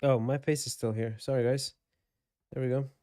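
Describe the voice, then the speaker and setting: A man's voice: medium pitch, fairly even intonation, moderate pace, dark tone, no echo, studio quality. A man hosting a live trading stream from a desk microphone and webcam, thinking aloud about the market in an easygoing, chatty way. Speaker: livestream trading host. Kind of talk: casual live market commentary.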